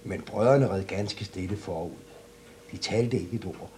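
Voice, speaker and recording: A man reading a fairy tale aloud as a storyteller, in an expressive, animated way. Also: deep voice.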